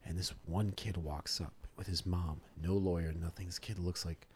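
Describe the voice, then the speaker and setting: On a podcast, a young man casually tells a story with lots of animation and free swearing, acting out the voices of the people he quotes. His voice is low-pitched at a normal speed, with slight background noise.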